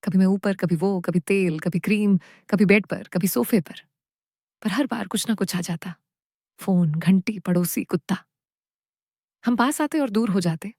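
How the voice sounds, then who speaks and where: A woman narrating a first-person story, in short phrases with dramatic pauses. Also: mid-range voice, mellow, no room sound, studio quality.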